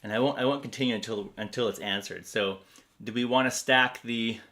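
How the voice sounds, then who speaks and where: A man hosts a livestream in a loose, rambling style, packed with fillers, and reads viewer comments out loud. His medium-pitched voice is bright and forceful, and he talks briskly.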